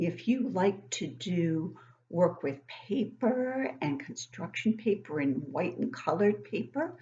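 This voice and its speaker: In a mellow, mid-range voice, a middle-aged woman reads a picture book interactively to young children, asking them questions and exclaiming to keep them engaged. She sits indoors in her living room, and the webcam at desk distance gives dull-sounding audio.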